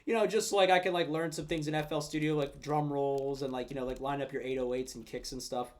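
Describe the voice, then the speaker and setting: A man's voice: fairly high pitch, fairly even intonation, quick pace. A young man co-hosting a casual podcast chat, rambling with lots of "like" and restarts and swearing freely. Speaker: podcast co-host.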